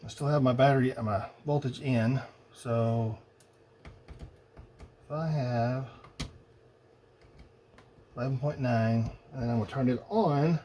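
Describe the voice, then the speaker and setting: A man with a warm, mid-range voice works through electronics tests at a messy workbench indoors, thinking aloud haltingly and mumbling to himself. The noisy recording comes from an old phone camera positioned over the bench.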